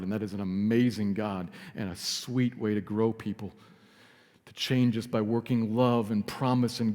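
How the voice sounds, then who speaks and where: A man preaching a sermon as pastor, earnest, sometimes dropping to a soft, quiet emphasis. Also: lowish voice, big-room sound. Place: church sanctuary.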